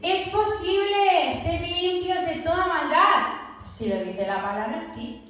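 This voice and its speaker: A woman's voice: very high-pitched, a little slow, a bit bright. A woman preaching a sermon, emphatic, repeating key phrases and asking listeners to imagine along with her. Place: church. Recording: echoey church hall, mic at a distance.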